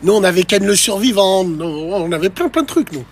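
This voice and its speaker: Husky-voiced man ranting on a live stream. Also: high voice, lively intonation, a little fast. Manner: provocative, crude and mocking, addressing chat directly. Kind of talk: casual live-stream rant.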